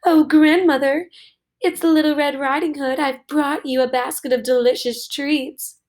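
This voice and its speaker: A woman's voice: sits high, fairly even intonation, normal speed, darkish tone, voice pushed up, natural voice. A woman voicing a sly, tricky male wolf in a storybook read-aloud, talking in a sugary, sly way.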